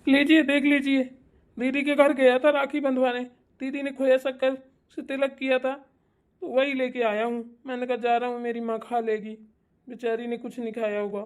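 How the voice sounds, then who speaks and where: A woman's voice: high-pitched, flat delivery, normal speed, close to an everyday voice. A woman voicing a young married son in a cartoon, blunt and stern with his wife, with a Bundelkhandi accent. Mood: mild. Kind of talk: cartoon voice acting.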